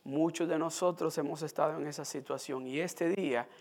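A man's voice: fairly high pitch, steady tone, normal speed, darkish tone. A male pastor preaching a sermon, speaking emphatically and addressing the congregation directly.

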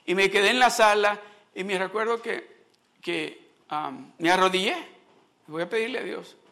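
A man's voice: sits high, moderate pace, vocal fry, pushed and bright. A middle-aged man giving a sermon testimony, telling a personal story and slipping in English phrases.

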